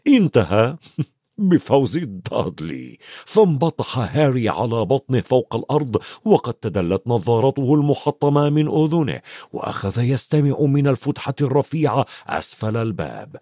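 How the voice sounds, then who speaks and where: A man narrating a storybook in an expressive, varied reading. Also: mid-range voice, normal speed, no echo, studio quality. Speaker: audiobook narrator.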